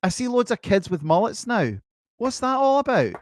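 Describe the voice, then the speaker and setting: A man's voice: very high voice, very animated, moderate pace. A man in his forties hosting a livestream with casual, opinionated chat that often repeats phrases. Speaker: livestream host.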